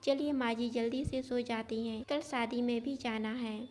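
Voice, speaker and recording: Woman reading as a sly greedy young woman in a story, wheedling, high-ish. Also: steady tone, normal speed, a little mellow, lightly acted. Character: scheming young sister-in-law, sly and greedy.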